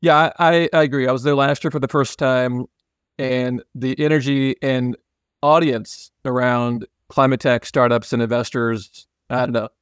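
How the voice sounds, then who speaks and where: A man's voice: mid-range voice, steady tone, moderate pace, clean tone, no room sound, studio quality. A man with a nasal voice, congested from illness, hosting a conversational interview podcast. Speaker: podcast host.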